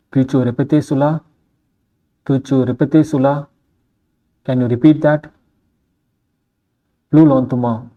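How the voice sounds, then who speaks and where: Guy reading phrases super slow, mellow voice, says each one twice. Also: mid-range voice. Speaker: language teacher. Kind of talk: slow scripted phrase drill.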